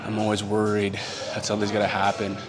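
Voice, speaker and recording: A man's voice: on the low side, quick pace. A man vlogging at the gym between sets, out of breath and talking to himself about his lifts. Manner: talks between sets, relaxed and self-talking. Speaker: fitness vlogger recovering from surgery. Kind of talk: casual gym vlog commentary. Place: gym, indoors. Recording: loud music behind. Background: loud gym music.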